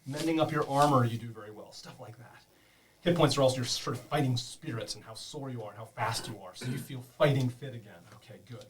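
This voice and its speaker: A man's voice: medium pitch, quick pace, recorded from a distance. A man narrating a tabletop game as game master, explaining rules to beginners in a chatty way with many fillers.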